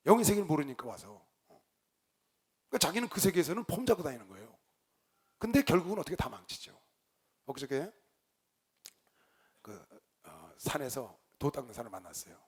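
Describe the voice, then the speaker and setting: A man preaches in a storytelling way, his husky voice sitting high and swinging widely in pitch. He mixes loud shouted bits with quiet asides. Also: fairly quick, long pauses. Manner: animated storyteller, shouts quoted lines, drops to low asides. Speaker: pastor. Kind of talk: sermon with storytelling.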